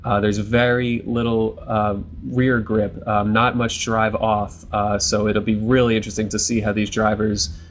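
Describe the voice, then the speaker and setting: A man's voice: fairly low pitch, flat delivery, a little slow, a little hiss or hum. A man giving motorsport broadcast commentary as an analyst and co-commentator.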